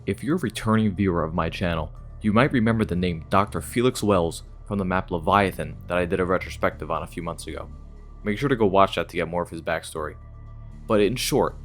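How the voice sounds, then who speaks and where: A low male voice over faint music. He narrates a scripted gaming retrospective as the channel's host, explaining things casually like an enthusiastic fan.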